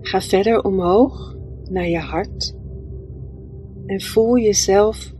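Slow, soothing woman guiding a meditation. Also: medium pitch, rough recording. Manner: soft, soothing, gentle delivery with long pauses. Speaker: guided meditation leader. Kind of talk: guided meditation narration. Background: music.

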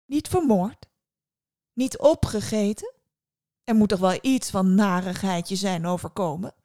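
A woman voicing a bitter, greedy older woman in a storybook tale, speaking loudly with sneering impatience. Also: on the low side, fairly even intonation, normal speed, close to an everyday voice. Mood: scornful.

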